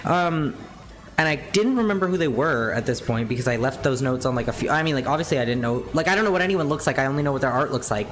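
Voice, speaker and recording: A young adult woman chatting casually on a livestream, rambling with lots of fillers and casual swearing, her pitch jumping up and down as she talks. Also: quick pace, slight background noise. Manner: animated, wide pitch swings. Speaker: streamer.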